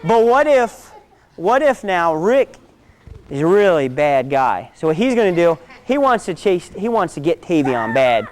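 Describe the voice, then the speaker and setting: A man's voice: on the high side, big pitch swings, unhurried, some chatter behind. A man teaching a self-defense class, giving direct instructions and often checking in with "okay?".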